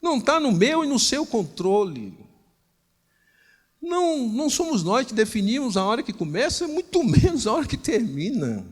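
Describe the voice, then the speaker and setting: A man preaching with a Brazilian accent, telling a story in a lively way and acting out the voices in it. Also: very high-pitched, slightly rough. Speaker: pastor. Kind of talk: storytelling sermon. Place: church hall. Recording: long reverb in a church hall.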